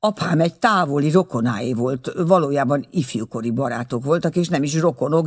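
A man's voice: fairly high pitch, slightly rough. A man reading aloud and voicing a fussy, timid stout old woman who chatters and loses her thread.

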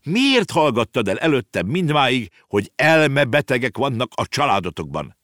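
A prim, worried mother, as a male reader puts her on speaks a little higher than his own voice, strict and fussing. The voice is lively and the sound dry. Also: no room sound. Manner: stern, fussing.

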